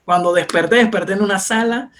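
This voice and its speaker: A young man telling his personal faith testimony in an earnest, conversational way, softening his voice when he quotes others. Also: high voice, brisk. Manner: earnest, retells dialogue in soft quieter voices. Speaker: testimony speaker.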